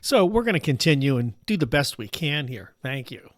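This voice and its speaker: A middle-aged U.S. host of a political news show talks at medium pitch, his throat raspy from allergies. He keeps a steady, careful rhythm and frequently fills pauses with "uh," captured in a dry, studio-quality recording.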